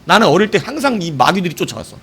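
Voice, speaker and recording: Animated man preaching, lively pitch. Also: rapid-fire, vocal fry, breathy edge. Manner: animated storytelling, shouting exclamations, asks the congregation questions. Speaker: pastor. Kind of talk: evening sermon.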